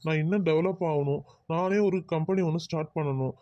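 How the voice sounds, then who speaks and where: A man's voice: fairly high pitch, fairly quick, mellow, no echo, dull audio, close to an everyday voice. A man voicing an exasperated young man in a cartoon who dodges talk of marriage. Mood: explaining. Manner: exasperated, groaning asides. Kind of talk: cartoon voice acting.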